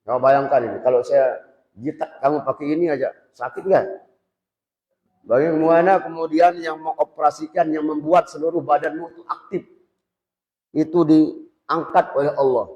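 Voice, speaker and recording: A man's voice: a little high, steady tone, moderate pace, pauses often, a little mellow. Man, religious teacher, informal lesson, talks with students, asks them questions, reverberant hall, muffled lo-fi recording. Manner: conversational, quizzes students directly. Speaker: Islamic boarding school teacher. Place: boarding school prayer hall. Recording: echoey hall, dull lo-fi sound.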